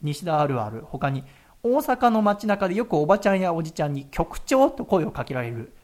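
A man's voice: on the high side, very animated, darkish tone. A man hosting a radio show, reading listener mail and teasing his co-hosts in casual chat. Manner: teasing, jokey, fast-talking.

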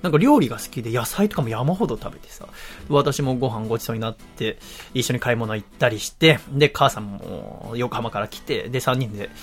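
A man's voice: mid-range voice, expressive, fairly quick, few pauses, soft background music. A man in his twenties hosting a casual radio show, rambling through stories and laughing often. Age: 20s.

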